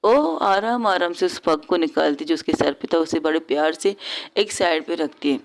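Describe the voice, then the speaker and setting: A woman's voice: low-pitched, animated, normal speed. A woman narrating a story casually, retelling it loosely with restarts and asides.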